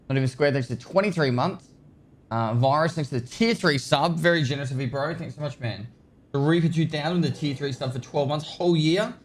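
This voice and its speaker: A man's voice: fairly high pitch, fairly quick. Laid-back man on livestream headset audio. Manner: laid-back, swears casually while thanking subscribers. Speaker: game streamer. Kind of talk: casual live-stream chat.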